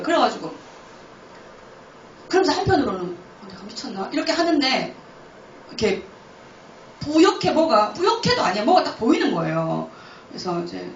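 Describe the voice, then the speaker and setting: A woman missionary giving a lively testimony, often laughing as she tells her story in a church. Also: high voice, slight background noise. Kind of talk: testimony talk. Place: church hall. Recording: roomy, distant, dull church recording.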